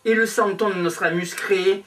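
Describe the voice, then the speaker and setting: An older man from Provence presenting his handmade nativity crib to camera in a small room, talking in slow halting phrases full of pauses and fillers. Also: sits high, steady tone, pushed and bright, recorded from a distance. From Provence, France. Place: small indoor room with a decorated table. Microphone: clip-on lapel mic.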